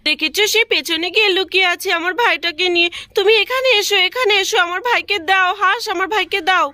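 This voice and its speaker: A woman voicing an eager little girl in a cartoon who talks in an excited, pleading way. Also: extremely high pitch, fast talker, no room sound, clean studio sound, voice pushed up.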